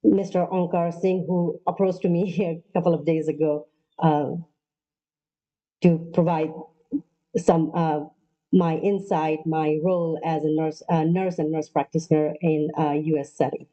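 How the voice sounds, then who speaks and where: A woman from Nepal giving an online lecture as a nurse practitioner, pausing often with ums and uhs. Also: low-pitched, fairly even intonation, warm tone, muffled recording. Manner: halting, many ums and uhs. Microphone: video call.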